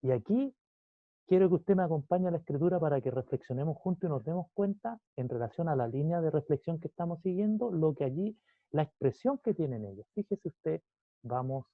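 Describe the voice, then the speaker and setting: A man's voice: a little high, lively intonation, a little fast, no echo, narrow, tinny audio. A man preaching a sermon in a conversational teaching manner, often adding asides to the listener.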